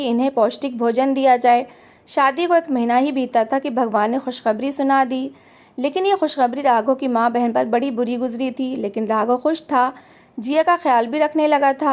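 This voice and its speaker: A woman reading a family drama aloud as a storyteller, in steady scripted narration. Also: high voice.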